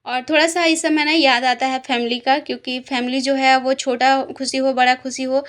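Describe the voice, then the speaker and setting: Speaking at normal speed in a high, fairly bright but flat voice, a young woman who is a mother and vlogger tells her story in a casual voice-over. She rambles chattily with lots of fillers, worn out by a headache.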